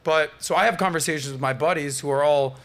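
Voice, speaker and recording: Man, forties, podcast host, casual panel talk, upbeat, fairly high voice. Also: quick pace, fairly bright tone. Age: 40s.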